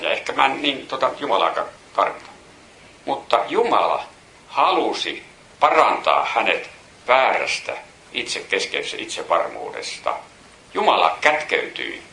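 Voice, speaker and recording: A man giving a Bible teaching sermon, reading psalm verses aloud and explaining them in a slow, halting way with restarts, his voice rising when he stresses a point. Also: mid-range voice, creaky, pushed and bright, roomy sound, slight background noise. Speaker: preacher.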